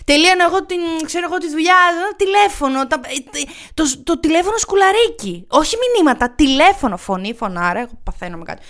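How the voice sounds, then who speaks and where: A woman in her thirties co-hosts a chat podcast and tells a long comic story about herself. Her voice sits high, and she keeps the telling animated and self-mocking throughout. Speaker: podcast co-host.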